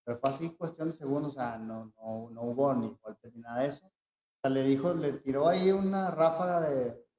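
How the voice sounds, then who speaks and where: Mexican man telling stories, mellow roomy voice. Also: mid-range voice, fairly quick. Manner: storytelling, acting out quoted voices, frequent restarts. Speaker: tattoo artist, guest. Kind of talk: casual anecdote telling. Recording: roomy echo.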